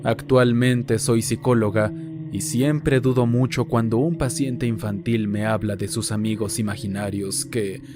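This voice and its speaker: A man reading submitted horror stories aloud in a measured, hushed storytelling manner. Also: on the low side. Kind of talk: scripted horror narration. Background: faint background music.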